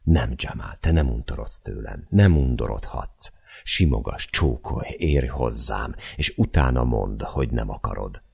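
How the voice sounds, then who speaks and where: A male audiobook reader voicing a passionate, headstrong young woman in a soft, breathy way. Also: very deep voice, full character voice. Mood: pleading.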